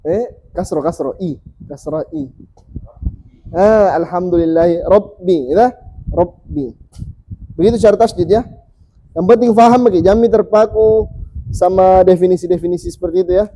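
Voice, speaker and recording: A male Quran reading teacher with a fairly high, very mellow voice. He patiently drills each sound again and again for his class. Faint room noise sits behind him. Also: low-quality recording. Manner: patient, repeats sounds slowly for students.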